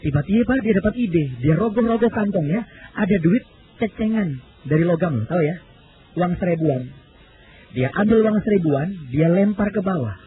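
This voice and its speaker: A male pastor preaching in a lively storytelling way, acting out voices and calling out to the congregation. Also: high-pitched, phone-quality sound, a little hiss or hum. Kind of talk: sermon storytelling.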